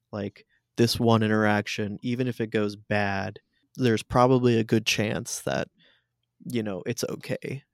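Male podcast host, reflective and self-deprecating, with noticeable vocal fry, close dry sound over music. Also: mid-range voice, no echo. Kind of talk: casual podcast discussion.

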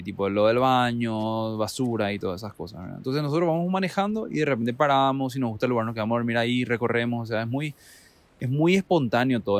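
A man telling a travel story in a casual, animated way, acting out quotes and laughing. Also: mid-range voice, dry recording.

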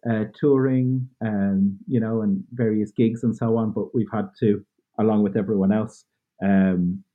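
Over a tinny line that sounds like a phone, this Irish podcast guest in his thirties speaks in a fairly low, husky voice. He reflects earnestly and thoughtfully on the questions, his phrasing loose and thick with fillers.

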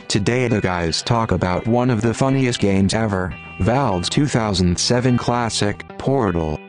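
Male computer voice as a gentle, calm robot announcer, performed by a man; low, flat text-to-speech tone over soft guitar. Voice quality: flat, measured robotic delivery. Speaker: podcast intro announcer. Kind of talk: scripted intro announcement.

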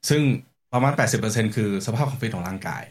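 A man with a fairly low voice talks as a running coach on a podcast. He explains training and injury logs in a relaxed, conversational way. He drops English sports terms into his sentences. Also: very fast. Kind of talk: casual podcast chat.

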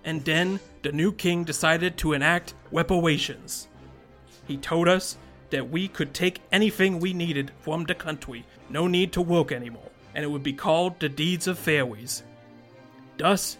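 A small, grave fairy king recounts his people's suffering in a soft, babyish voice, as a podcast host puts him on. The voice sits a little high for a man. Faint music plays underneath. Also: normal speed, lightly acted. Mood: solemn storytelling. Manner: baby voice telling a tragic history. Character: tiny old fairy-folk king, grave, sorrowful. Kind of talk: comic read-aloud on a podcast.

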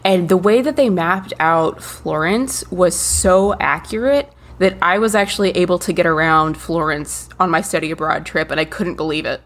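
A young woman guest in an interview, talking quickly and eagerly about her path into writing. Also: on the low side. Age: young adult. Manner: quick, enthusiastic, quotes her own thoughts. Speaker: guest, writer. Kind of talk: conversational interview.

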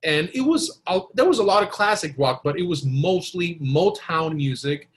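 Speaking at a normal pace in a fairly high, animated voice, this podcast guest tells casual stories during an interview. He is a blues guitarist from Costa Rica whose native language is Spanish.

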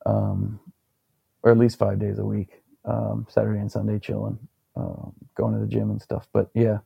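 A young man with a low, gravelly voice and a very dark, husky tone tells a long story in a loose, rambling way. He fills his speech with fillers and small laughs, and the dry sound puts him close to the mic. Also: monotone, normal speed, dry recording, lo-fi sound. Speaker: interview guest. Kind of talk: casual storytelling.

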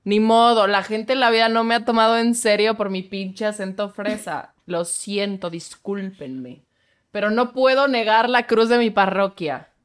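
A woman's voice: medium pitch, measured pace, clean tone. A woman with an upper-class Mexican fresa accent, co-hosting a casual comedy podcast, telling stories with laughs and mimicking others. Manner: animated, laughing storyteller who mimics others. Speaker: podcast co-host and voice-over artist.

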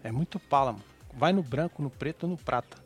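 A man's voice: mid-range voice, expressive, fast talker, slightly rough, soft background music. A man from São co-hosting a casual gossip chat, laid-back and slangy, mostly agreeing with the host.

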